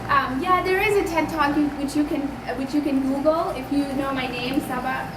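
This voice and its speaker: A young woman in her twenties from Pakistan, giving an earnest, conversational personal testimony at a community event and speaking up loudly. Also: high voice, normal speed. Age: 20s. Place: community hall. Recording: echoey room, distant mic, background noise.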